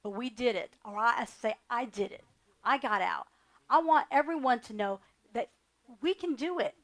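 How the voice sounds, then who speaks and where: A woman's voice: a little high, normal speed, a bit bright. A middle-aged woman, a candidate giving earnest, repetitive interview answers. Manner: earnest, repetitive campaign phrasing. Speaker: candidate for county attorney.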